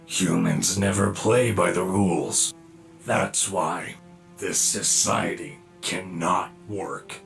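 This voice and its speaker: An actor playing a ruthless, bitter game villain, a human inside a failing machine, with a menacing, sneering, theatrical delivery. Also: male voice, sits low, steady tone, slow, vocal fry, fairly bright tone, soft background music, heavily acted. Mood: bitter, resigned. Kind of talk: dramatic video game character acting.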